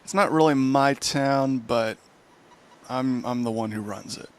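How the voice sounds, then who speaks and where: A man's voice: mid-range voice, measured pace, a little hiss or hum, lightly acted. A man voicing a proud male half-elf who runs a small town.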